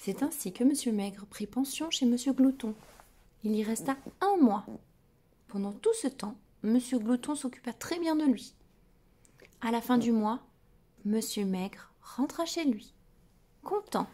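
A woman reading a children's story aloud in a soft whisper, slow and drawn-out. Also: on the high side, expressive.

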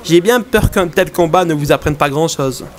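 A mighty, cautious warrior who weighs his words carefully, as a man reads his lines aloud. The voice sits a little high and stays steady. Faint noise lies underneath. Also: normal speed, natural voice. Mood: calm. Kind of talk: reading game dialogue aloud.

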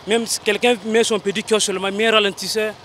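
A man's voice: sits high, flat delivery, fast talker, a bit bright, a little hiss or hum. A man, a driver, speaking bluntly and critically.

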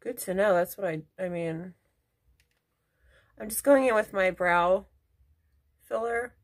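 Woman, husky voice, casual makeup vlog chat, rambling asides, at home. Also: medium pitch, slow. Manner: chatty, rambling asides while doing makeup. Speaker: beauty vlogger. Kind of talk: casual get-ready-with-me chat.

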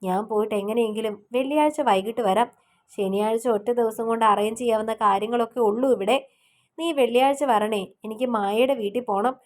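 Brief: chatty young man friend in an audiobook romance, voiced by a woman, hurried, voice a touch high. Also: darkish tone, natural voice. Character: talkative young man, busy organizer friend.

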